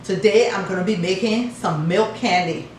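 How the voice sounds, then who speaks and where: In a mid-range voice at normal speed, this Liberian-accented cooking host demonstrates a recipe in her home kitchen, calmly giving each instruction as she stirs. The mic is distant, and the pot sizzles in the background.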